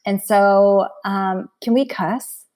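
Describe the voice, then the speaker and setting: Frank, animated woman in her forties. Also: medium pitch, slow. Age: 40s. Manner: frank and animated, laughs and swears freely. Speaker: podcast guest, coach and author. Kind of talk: casual chat.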